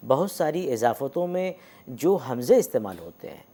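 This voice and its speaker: Male lecturer, animated intonation, patient and halting delivery. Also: medium pitch. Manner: explains slowly with many hesitations and demonstrated sounds. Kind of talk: academic lecture on script and pronunciation.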